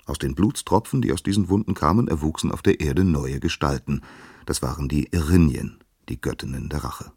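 A man narrating myths in an expressive, dramatic storybook reading. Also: very deep voice, fairly quick, vocal fry, husky, no echo, clean studio sound.

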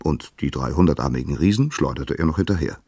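A man reads old myths aloud with dramatic expression. His voice sits low and sounds husky, with wide swings in pitch, recorded close and dry. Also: animated, fast, a little mellow, dry recording. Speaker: narrator. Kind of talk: storybook narration of myths.

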